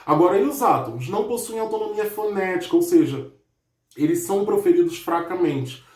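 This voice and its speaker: A man's voice: sits high, animated, a little mellow. A man with a Brazilian Portuguese accent teaching a grammar lesson step by step, drawing out example words and checking in with "ok?" often. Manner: drawls out example words slowly. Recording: echoey room.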